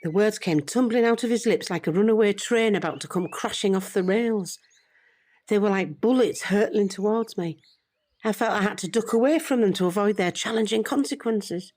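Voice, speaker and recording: An older woman takes the role of a loving British grandmother weighed by regret, relating her story reflectively and steadily in an audio drama. Her mid-range voice is darkish and natural. She sounds troubled.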